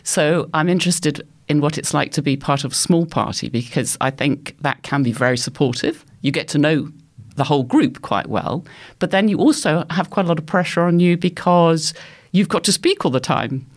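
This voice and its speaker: A woman speaking as an expert guest in a panel discussion, explaining things in a measured way. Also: sits low, expressive.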